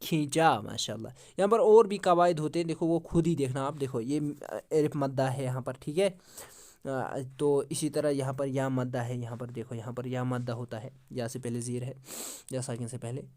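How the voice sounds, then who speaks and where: A man teaching Quran recitation rules. He asks questions, answers them himself, recites example words slowly and drawn out, and often praises with mashallah. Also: medium pitch, darkish tone. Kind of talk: Quran tajweed lesson.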